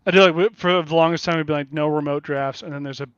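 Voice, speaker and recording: A man's voice: on the high side, fairly even intonation, quick pace, smooth, no room sound. Blunt, profane podcast host guy. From Kansas City area, USA. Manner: profane, blunt, laughs a lot. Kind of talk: casual chat. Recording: dull lo-fi dry sound.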